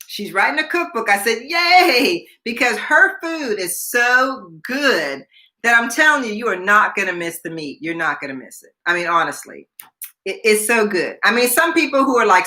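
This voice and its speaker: Reading viewer comments aloud on her casual live stream, a host in her sixties chats and often repeats herself. Her medium-pitched voice sounds pushed and bright.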